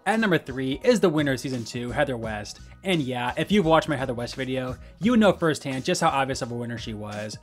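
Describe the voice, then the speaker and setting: A man's voice: mid-range voice, animated, fast talker, few pauses, faint music behind. A man narrating a scripted video essay as its host.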